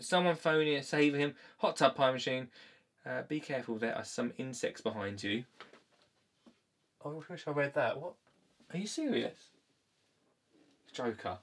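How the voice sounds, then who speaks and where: A man's voice: a little high, a bit bright. A man with an Essex accent hosting a live call-in, chatting casually in an informal, matey way. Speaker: live call-in show host. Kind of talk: casual unscripted chat with callers.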